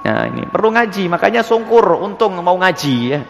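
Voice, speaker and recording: Lively animated male preacher in hall. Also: normal speed, vocal fry, a little hiss or hum. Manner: lively, acts out scenes with swooping pitch. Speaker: Islamic preacher answering questions. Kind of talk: religious Q&A talk to a congregation. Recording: long hall reverb.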